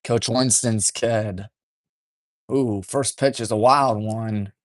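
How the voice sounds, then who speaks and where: Folksy man calling high school baseball. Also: steady tone, dry recording. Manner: folksy, chatty, partisan toward home team; deliberately restrained, hushed delivery. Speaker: play-by-play radio announcer. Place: stadium press box.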